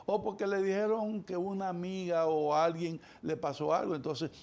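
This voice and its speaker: A man's voice: high-pitched, level tone, normal speed, creaky, a little mellow. A man, a psychologist guest on an interview show, talking animatedly and acting out the voices of the people he quotes. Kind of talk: conversational interview.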